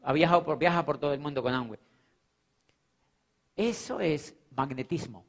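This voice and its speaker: A man giving an animated, emphatic motivational talk, repeating phrases and checking in with his audience. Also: fairly high pitch, moderate pace, gravelly. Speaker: motivational speaker. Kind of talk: live motivational seminar talk. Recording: long hall reverb.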